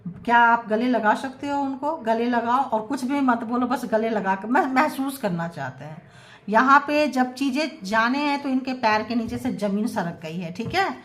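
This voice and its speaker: A woman giving a channelled tarot reading to her viewers, mixing English phrases into her talk and reading out messages slowly. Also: a little high, animated, a bit bright. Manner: mixes English phrases into Hindi, reads out slow English messages. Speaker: tarot reader.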